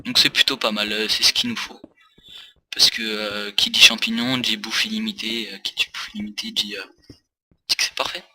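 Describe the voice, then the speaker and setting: Bright-voiced tired young man gaming. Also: on the low side, expressive, normal speed, a little hiss or hum. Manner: rambling, many hesitations. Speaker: let's play host. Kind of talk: casual gaming commentary. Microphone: desk mic with facecam.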